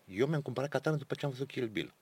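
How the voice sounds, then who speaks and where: A man's voice: medium pitch, animated, a little mellow, slight background noise. A man co-hosting a casual chat, telling rambling stories, repeating himself and laughing often. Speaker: podcast co-host. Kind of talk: casual banter.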